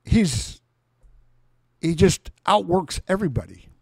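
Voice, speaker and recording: A man's voice: high-pitched, very animated, takes it slowly, creaky, slightly rough, no room sound. Upbeat sixty-year-old male host. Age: 60s. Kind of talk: casual chat.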